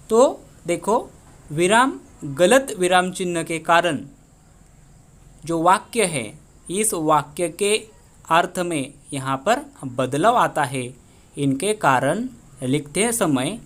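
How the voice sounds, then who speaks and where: A man's voice: fairly high pitch, fairly bright tone. A male school teacher, giving an online grammar lesson and often prompting students to look and listen. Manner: slow, repetitive teaching with frequent "देखो" prompts.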